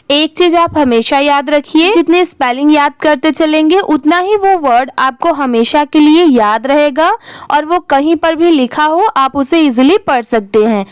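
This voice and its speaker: A young woman teaches English reading in a high, unhurried voice. She spells each word out letter by letter, then asks and answers her own question about how it is said. The sound is close and dry. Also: dry recording.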